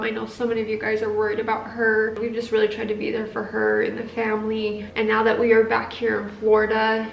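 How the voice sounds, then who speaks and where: A woman's voice: on the high side, gravelly. A woman talking to viewers in a heartfelt, personal way, earnest and tender. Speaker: family vlog host. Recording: roomy, slightly dull, music behind.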